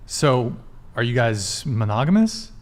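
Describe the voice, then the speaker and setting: A man hosts a casual live dating talk show. He jokes with the audience and presses his guests with quick follow-up questions. His voice sits at a middling pitch. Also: very animated, a little mellow. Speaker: podcast host. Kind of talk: casual live-stream chat.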